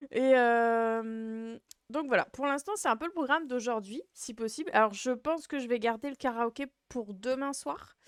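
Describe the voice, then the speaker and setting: A woman's voice: fairly high pitch, moderate pace, clear, resonant tone, no room sound, clean studio sound. A woman hosting a livestream in casual chat, with a cute, playful and rambling, hesitant way of talking. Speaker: VTuber livestream host.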